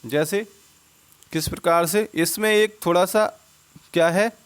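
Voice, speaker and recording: A man's voice: high voice, slow pace, clean tone. A man with a slightly raised voice talks through a spelling lesson over slides. He poses a question, then gives the answer himself, saying each word twice in a patient, drilling way. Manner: asks questions and answers them himself, repeats words. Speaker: English teacher. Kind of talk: Hindi-language spelling lesson.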